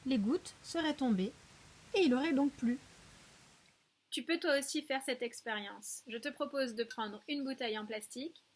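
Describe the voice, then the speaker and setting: Slow, clear-spoken woman teacher. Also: a little high. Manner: slow and clearly articulated, addressing a child directly. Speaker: preschool teacher. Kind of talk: recorded lesson for young children.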